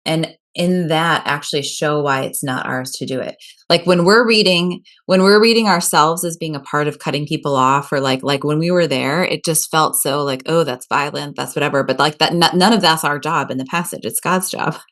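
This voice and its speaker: Woman, discussion participant, earnest and self-doubting, deep voice. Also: normal speed, fairly bright tone. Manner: earnest, apologetic, searching for words. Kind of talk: casual discussion of scripture.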